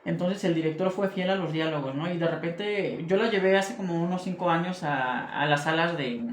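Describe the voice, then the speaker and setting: A man's voice: a little high, normal speed, slight background noise. A man moderating a discussion, conversational and often checking for agreement. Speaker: moderator and literature teacher. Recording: echoey room.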